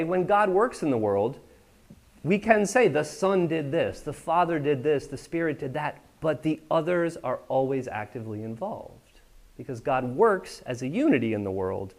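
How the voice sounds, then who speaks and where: An American pastor's voice, on the high side and a little mellow, rises and falls in big pitch swings at a moderate pace. He preaches in a church sanctuary, chatting with the congregation and often asking if they're following.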